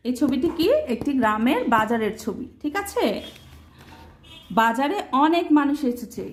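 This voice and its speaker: Woman teacher with a high voice, patient, spells words out slow for little kids. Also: big pitch swings. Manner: patient, asks questions and answers them herself; spells words out slowly letter by letter. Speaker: primary school Bangla teacher. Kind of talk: explaining a children's textbook lesson.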